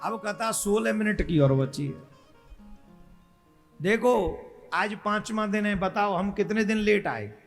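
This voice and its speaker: A middle-aged man with a Braj accent telling a devotional story to a large gathering, rousing the crowd to cheer loudly. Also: high-pitched, expressive, slow pace, long pauses, soft background music. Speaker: spiritual storyteller. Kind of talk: devotional sermon.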